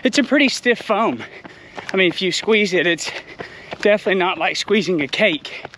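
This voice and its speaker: A man's voice: sits high, animated, moderate pace, fairly bright tone, low-quality recording. A man giving a casual shoe review outdoors while running, speaking in short phrases. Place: outdoors on a run in an urban area. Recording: outdoor noise with passing vehicles.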